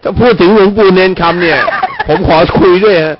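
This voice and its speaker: A man's voice: sits high, fairly quick, noisy background. A man hosting a casual political call-in radio show, joking bluntly with crude words and chuckling as he talks. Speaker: radio host. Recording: lo-fi radio broadcast.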